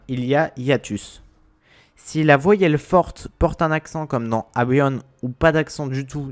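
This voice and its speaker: A man giving a scripted, methodical grammar lesson, laying out rules step by step. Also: mid-range voice. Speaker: Spanish grammar teacher. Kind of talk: scripted explainer narration.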